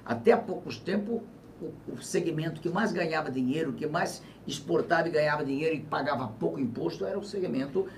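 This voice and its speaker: A man in his seventies, a former governor, talks through politics in an interview, reflective and measured with emphatic bursts. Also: fairly high pitch. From Brazil. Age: 70s. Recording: distant mic with faint ambient noise.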